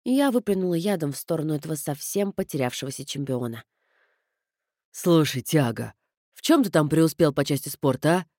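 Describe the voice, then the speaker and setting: A woman narrates a novel in the first person. Her heroine's outbursts come out loud and raging, set against calmer storytelling. The sound is dry and close, with no room around it. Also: sits low, fairly quick, dry recording. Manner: shifts into loud angry shouting for her character's lines. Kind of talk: audiobook narration of a romance novel.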